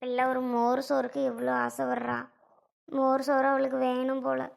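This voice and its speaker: A woman playing a gentle aunt who soothes a small child with pity in her voice. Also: sits high, flat delivery, normal speed, creaky. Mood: tender.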